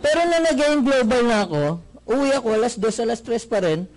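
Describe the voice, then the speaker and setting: Filipino guy telling his story to a crowd, higher voice, jokey and lively, keeps asking questions. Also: a little fast. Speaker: motivational speaker giving a testimony. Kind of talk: testimonial talk to a live audience.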